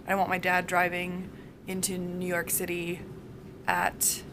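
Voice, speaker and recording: A young adult woman vlogger with a hoarse smoker's rasp, as if her voice is giving out, chatting casually and rambling to the camera. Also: fairly low pitch, completely flat delivery, unhurried, noisy background. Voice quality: raspy smoker's rasp, voice wearing out. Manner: rambling, acts out reported exchanges. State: hoarse, close to losing voice.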